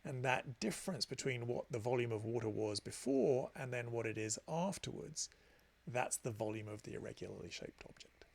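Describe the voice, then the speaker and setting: Gravelly-voiced man teaching a meditation class. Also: medium pitch, lively intonation, normal speed. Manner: chatty storytelling with self-deprecating asides; gives friendly explanations with frequent restarts. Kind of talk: informal class talk.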